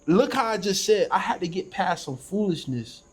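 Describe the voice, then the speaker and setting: A man's voice: sits high, lively intonation, moderate pace, breathy edge. A man, talking about faith in a casual podcast chat, emphatic and preachy, repeating phrases for weight. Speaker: podcast host.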